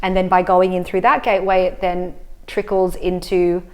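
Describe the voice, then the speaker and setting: Calm woman, low-pitched voice. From Australia. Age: 30s. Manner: calm, measured, explanatory. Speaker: yoga teacher and breathwork facilitator. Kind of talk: casual interview chat.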